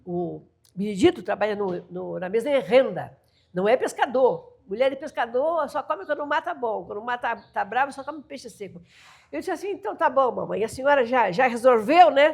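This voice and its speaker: With a high-pitched, husky voice, an older woman from Brazil's São Paulo coast tells folk stories in Brazilian Portuguese with a caiçara accent. As an interview guest she is lively and laughing, voicing family members in dialogue.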